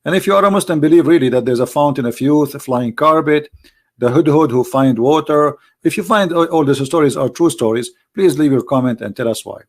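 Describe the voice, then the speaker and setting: Speaking a little fast in a higher-pitched voice, a man hosts a religious video with an argumentative monologue in non-native English phrasing. His delivery is emphatic, full of repeated points and rhetorical questions.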